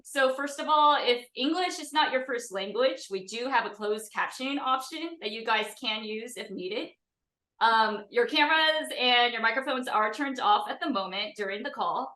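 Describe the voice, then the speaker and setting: Woman host on a video call, bright higher voice, roomy echo, chatty filler-heavy delivery. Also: lively intonation, moderate pace. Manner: chatty, lots of fillers, warm thanks. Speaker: community host. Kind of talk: casual video call hosting.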